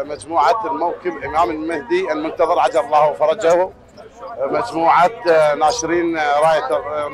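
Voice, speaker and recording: A man from Dhi Qar, talking haltingly with many pauses outdoors. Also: on the high side. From Dhi Qar, Iraq. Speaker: procession pilgrim. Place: outdoors in a crowd.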